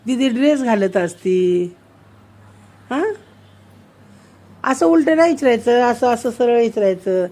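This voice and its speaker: A young woman, a mother, chatting playfully with her little daughter, teasing her with lots of quick questions. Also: a little high, lively intonation, dark tone.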